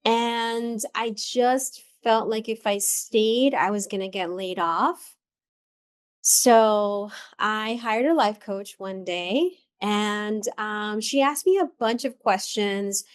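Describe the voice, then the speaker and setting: In a slow, smooth, mid-range voice, this middle-aged woman from the Dominican Republic recounts her path as a therapist during a conversational interview. She is reflective, with frequent ums and restarts.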